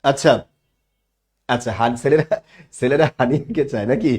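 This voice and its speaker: A man's voice: medium pitch, moderate pace, darkish tone. A young man teaching a live online grammar class, often asking students to repeat the answer back to him.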